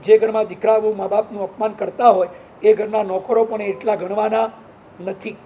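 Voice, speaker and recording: A man's voice: high-pitched, flat delivery, moderate pace, dull audio, a little hiss or hum. A man, a monk, preaching an emphatic sermon and acting out the people in his stories. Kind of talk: sermon with storytelling.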